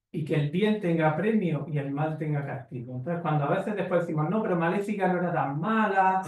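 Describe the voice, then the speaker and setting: A man's voice: on the high side, a little mellow. A man speaking on a conference panel, making his points bluntly and with rhetorical questions to the audience. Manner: emphatic, lecturing with rhetorical tags. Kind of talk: conference talk answering questions. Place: conference hall. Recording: echoey hall from far off.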